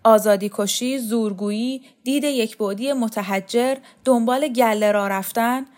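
A woman's voice: a little high, darkish tone, pitched above the performer's own voice, close to an everyday voice. A worn-out young man in a storybook, bitter and rebellious, voiced by a woman reader. He pleads and protests in a raised, agitated tone.

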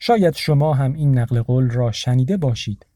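A man reading an audiobook in a calm, even narrating voice. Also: mid-range voice, no echo.

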